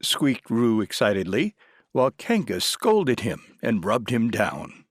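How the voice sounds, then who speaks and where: A man narrating a children's audiobook with an expressive, animated reading. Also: mid-range voice, slow pace, breathy edge, no echo, clean studio sound.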